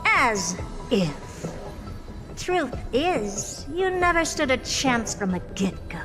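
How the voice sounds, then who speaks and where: Haughty, high-voiced smug genius Herta. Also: female voice, sing-song, slow pace. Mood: gloating. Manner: theatrical, condescending, taunting. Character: haughty, smug young woman genius toying with her victim. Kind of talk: scripted video game voice acting. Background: game music.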